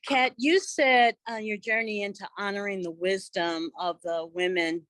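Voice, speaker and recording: A woman co-host asks an interview question in a measured, careful way. Her voice sits at a medium pitch, and the sound is dry and close. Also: steady tone, fairly bright tone, no echo.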